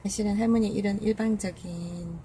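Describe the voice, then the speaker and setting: A woman's voice: mid-range voice, steady tone, fairly quick, mellow, a little hiss or hum. A woman caregiver telling a personal story in casual talk, hesitant with many fillers and restarts, acting out what others said.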